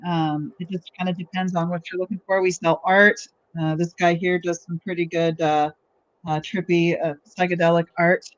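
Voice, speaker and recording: A woman guest on a podcast, talking in casual chat in a halting way with lots of filler. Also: on the low side, flat delivery, dry recording. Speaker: podcast guest, artisan seller. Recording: dry, dull lo-fi sound.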